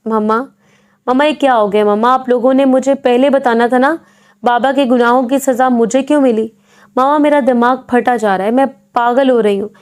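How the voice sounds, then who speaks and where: A woman's voice: fairly high pitch, fairly even intonation, a little mellow, clean tone, lightly acted. Woman reading as a desperate sobbing young woman. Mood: desperate, pleading. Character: distraught young woman, sobbing, shattered by a family secret.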